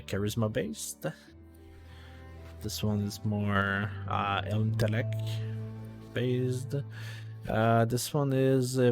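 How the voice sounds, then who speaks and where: A man's voice: mid-range voice, darkish tone. A man streaming a video game live, talking casually to chat with many fillers and restarts while he reads menus aloud.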